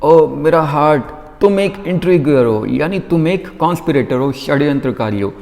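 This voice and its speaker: A man's voice: fairly high pitch, animated, moderate pace, gravelly, darkish tone. A man doing a whiny, fainting young suitor. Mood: accusing. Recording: long reverb.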